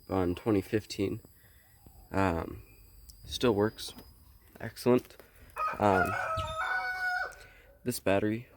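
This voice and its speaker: A young man with a low, unhurried voice walks through a truck repair in a casual vlog. He talks haltingly and fills the gaps with ums. He is recording outdoors on a phone held in his hand. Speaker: homesteading vlogger. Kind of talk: casual how-to explanation. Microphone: phone held while filming.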